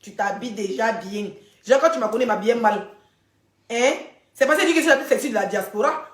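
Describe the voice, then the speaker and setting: A woman, hosting a casual live stream and telling gossip straight to her viewers in a chatty, animated way. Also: a little high, fast, reverberant. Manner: chatty, animated storytelling, addressing viewers directly.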